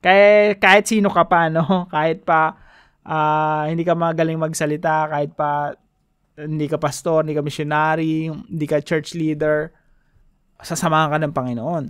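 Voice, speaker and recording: A man from the Philippines giving a casual devotional talk, animated and chuckling between points, switching between Tagalog and English. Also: on the high side, normal speed, smooth, no echo, clean studio sound. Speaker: devotion preacher.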